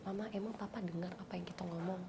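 Brief: woman guest, thirties, gravelly and soft, reflective storyteller. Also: lowish voice, fairly even intonation, fast talker, background noise. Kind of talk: casual chat.

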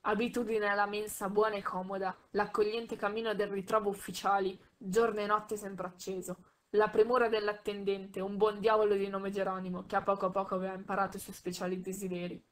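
Una donna che legge un romanzo ad alta voce con tono misurato, correggendo ogni tanto qualche piccolo inciampo. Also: female voice, medium pitch, level tone. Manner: measured, with small slips and self-corrections. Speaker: audiobook reader. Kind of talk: reading a novel aloud.

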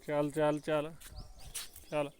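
A man's voice: a little high, completely flat delivery, slow pace, darkish tone, slight background noise. A man in a casual vlog, coaxing his pigeons with repeated calls and talking to viewers. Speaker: vlogger. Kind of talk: casual vlog narration while handling pigeons.

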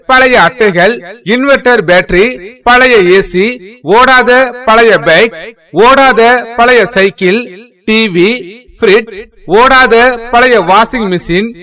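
A man's voice: very high-pitched, bright, forceful tone. A man making a scrap dealer's street announcement, calling out lists of items like a singsong street hawker.

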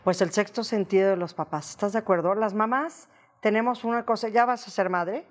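A woman's voice: medium pitch, a little fast. A middle-aged woman, hosting a casual interview, prompting her guest with chatty asides. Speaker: interview host.

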